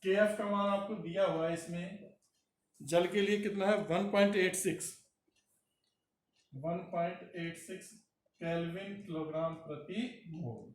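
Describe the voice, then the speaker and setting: A man teaching chemistry, working a problem step by step and doing the arithmetic aloud. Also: high-pitched. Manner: slow, talks through arithmetic aloud. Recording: roomy echo from far off the mic.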